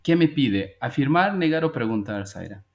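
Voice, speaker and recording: A man's voice: medium pitch, lively intonation, normal speed, highs cut off. A man teaching an English grammar class, patiently explaining step by step and repeating each phrase before checking that students follow. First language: Spanish.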